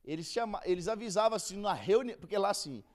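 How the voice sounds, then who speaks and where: A man's voice: high-pitched, expressive, fast talker. A man with a Brazilian Portuguese accent teaching a Bible lesson in a casual, storytelling way, acting out the people he quotes.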